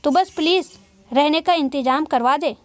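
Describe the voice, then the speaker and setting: A woman's voice: sits high, moderate pace, no room sound, natural voice. A woman voicing a troubled young man in a storybook reading, urgent and guarded.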